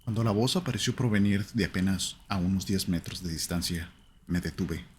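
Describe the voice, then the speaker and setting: A man narrating a first-person horror story in a slow, somber, suspenseful way. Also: low-pitched, a little hiss or hum.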